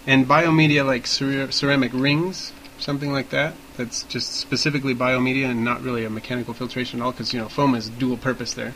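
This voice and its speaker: Guy podcast host, average pitch, casual but kinda precise wording, slight background noise. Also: flat delivery, fairly quick, hardly any pauses, a bit bright, poor audio. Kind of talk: casual explanatory chat.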